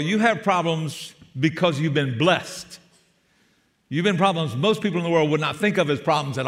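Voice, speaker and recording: Older south georgia preacher guy, folksy, jokes a lot, kinda high voice, big church reverb. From Savannah, Georgia. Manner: folksy, joking, calls for amens. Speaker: guest pastor. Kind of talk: sermon. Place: church sanctuary.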